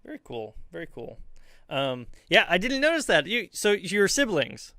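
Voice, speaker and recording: A man's voice: sits high, big pitch swings, sharp tone, no room sound, studio quality. A man hosting a casual interview, chatty and a bit apologetic. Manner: chatty, apologetic, quick laughs. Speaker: host.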